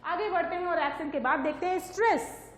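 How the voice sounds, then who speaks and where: A woman's voice: extremely high pitch, quick pace, fairly bright tone, roomy sound. A woman teaching a polytechnic communication class, patiently repeating words to show stress and asking if the students follow. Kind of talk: classroom lecture.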